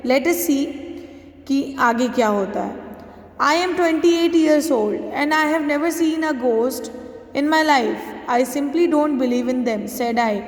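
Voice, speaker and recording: A woman teacher with an Indian English accent who reads a story line by line, explains it while switching between English and Hindi, and keeps asking "okay?". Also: sits high. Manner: checks understanding with frequent "okay?". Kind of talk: classroom lesson reading and explaining a story. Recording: echoey room with long reverb.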